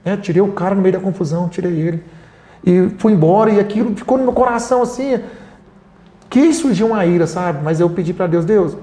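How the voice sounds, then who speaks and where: Fast-talking earnest man, roomy sound. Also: sits high, dark tone. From Brazil. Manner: earnest, retells scenes with quoted dialogue. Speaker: founder of a charity for homeless people. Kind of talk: interview storytelling. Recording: roomy echo.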